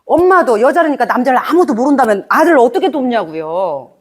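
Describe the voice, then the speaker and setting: A woman's voice: medium pitch, very animated, brisk. A middle-aged woman giving a chatty, teasing lecture to parents and asking the audience questions.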